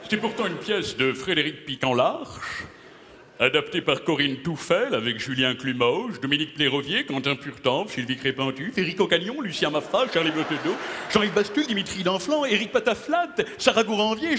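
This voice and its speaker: A man's voice: high voice, lively intonation, moderate pace. A man playing a pompous, self-important playwright before a live audience, declaiming grandly and laughing at his own jokes. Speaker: comedian performing a character for a live crowd. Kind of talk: improvised comic character act. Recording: echoey hall with loud crowd noise.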